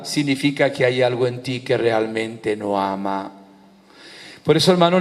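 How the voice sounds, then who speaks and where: A man with a Venezuelan accent, a priest giving a sermon, telling stories with lively emphasis and building up on repeated phrases. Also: on the high side, big-room sound. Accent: Venezuelan Spanish. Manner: lively storytelling preacher, rising on repeated phrases.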